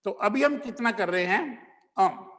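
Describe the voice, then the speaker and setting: A man teaches pronunciation at a slow, deliberate pace. He stretches out each example word as he explains it. A long hall reverb trails behind his voice. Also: high voice, animated, fairly bright tone. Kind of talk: classroom lecture.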